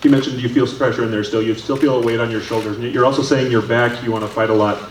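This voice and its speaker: Fast-talking male reporter, far from mic. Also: mid-range voice, fairly even intonation. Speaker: reporter asking questions. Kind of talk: press conference questioning. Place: large indoor press conference room. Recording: distant, echoey room with faint noise.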